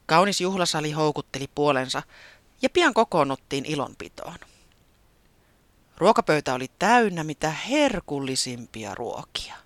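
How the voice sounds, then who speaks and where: A narrator reading a children's storybook aloud with an expressive delivery. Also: mid-range voice, no echo. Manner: lively, expressive read.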